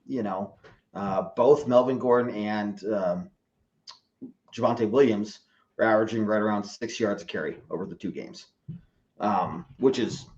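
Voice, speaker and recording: This sports podcast guest, a team fan, has a lowish voice with a darkish tone, and the audio has its highs cut off. His football analysis is casual and rambling, riddled with hesitations and self-corrections.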